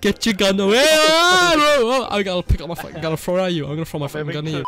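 A young man streaming a game with friends, yelling, swearing and laughing a lot, heard over a headset. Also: a little high, rapid-fire. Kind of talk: rowdy gaming banter. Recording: game music behind voice.

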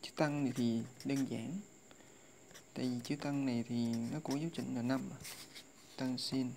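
A tutor gives a casual lesson, slowly reciting and repeating readings as a drill. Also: mid-range voice, steady tone, creaky, mellow, a little hiss or hum. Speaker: language tutor.

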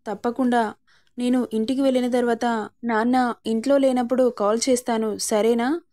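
A worried, caring younger brother in a spoken story, as a woman narrator puts him on. He is earnest and reassuring. The voice stays warm and fairly high, like the reader's own. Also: steady tone, moderate pace, close to an everyday voice.

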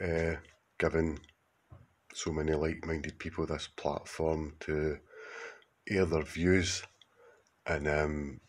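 A man in his fifties with a Glaswegian accent, speaking casually to camera in a rambling, hesitant way. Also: low-pitched. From Scotland. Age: 50s. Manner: rambling, hesitant, with many fillers and restarts. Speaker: contributor sending a video message.

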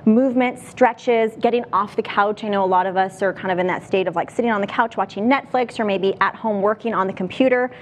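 A woman's voice: medium pitch, fairly quick, hardly any pauses. Brief: woman in her 30s, upbeat fitness coach demoing gear, faint studio hum. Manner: upbeat, explaining tips. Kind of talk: TV studio demonstration. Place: TV studio set.

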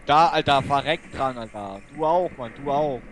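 A man raging and swearing at opponents while playing an online shooter, yelling in outbursts and muttering low in between. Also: moderate pace, a little hiss or hum. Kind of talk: raging gameplay commentary.

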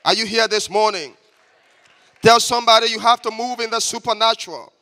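Man preaching, high bright voice. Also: fairly even intonation, fairly quick. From Liberia. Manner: emphatic, has the congregation repeat after him. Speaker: guest preacher. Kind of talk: church sermon. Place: church sanctuary. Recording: long church reverb.

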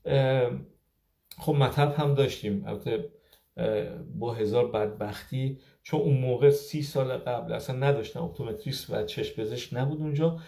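An optometrist from Iran, a man in his fifties, gives casual migration advice on a live stream in a mellow, mid-range voice with vocal fry. He asks rhetorical questions and repeats key points for emphasis.

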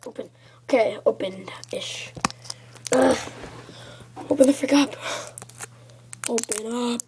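High-voiced woman, sniffly with a cold. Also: fairly even intonation, unhurried, mellow. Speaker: gaming video maker. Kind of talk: casual unboxing commentary. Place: carpeted room at home. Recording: noisy amateur home video.

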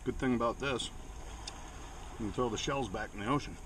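A man, chatting slowly to the camera while cooking on a rocky seashore. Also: medium pitch. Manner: slow, relaxed, talking to the camera while cooking. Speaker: outdoor vlogger. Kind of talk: casual outdoor cooking vlog. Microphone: action camera on a tripod. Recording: loud outdoor background noise.

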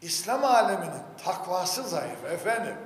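An older man with a cold, giving an emphatic Quran commentary lecture and swinging between loud exclamations and low asides. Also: very animated, normal speed. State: has a cold. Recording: echoey hall with long reverb, faint noise.

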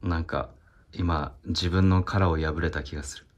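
A man's voice: deep voice, steady tone, a little slow, dull audio. A man in his thirties playing a meek, awkward salaryman in a comedy sketch. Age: 30s. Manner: hesitant, timid, awkward.

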